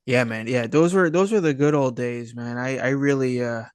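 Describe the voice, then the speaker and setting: This man, an independent filmmaker, is a guest on a podcast and chats casually in a smooth, medium-pitched voice at normal speed, captured in a dry recording. He's enthusiastic and slangy, swears, and hesitates a lot, filling his phrasing with "like" and "dude."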